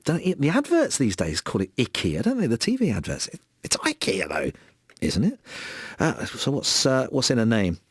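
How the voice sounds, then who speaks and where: A man's voice: medium pitch, wildly swooping pitch, moderate pace, breathy edge, dry recording, studio quality. A man hosting a casual radio chat show, chatty and chuckling as he reads out listener texts. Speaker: radio presenter. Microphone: studio microphone.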